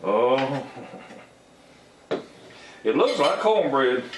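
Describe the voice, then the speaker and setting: A man's voice: on the high side, wildly swooping pitch, very slow, slight background noise. An older man, showing how he bakes a cake at home in a casual, homespun way. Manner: homespun, folksy, savoring with hums. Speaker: home baking vlogger. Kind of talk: casual kitchen demonstration. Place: home kitchen. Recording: roomy kitchen with faint ambience.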